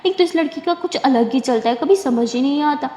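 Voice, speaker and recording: A woman's voice: high-pitched, mellow, natural voice. A woman voicing a chatty, nosy young bride who pleads with her friend in a gossipy way, in a roomy space. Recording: roomy with long reverb.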